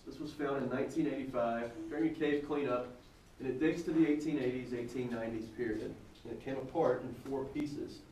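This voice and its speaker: A man's voice: medium pitch, a little mellow. A man working as a cave tour guide, giving casual, lightly joking commentary with a cave echo on his voice. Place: large underground cave, heard from a visitor's camera. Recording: echoey cave, distant, noisy.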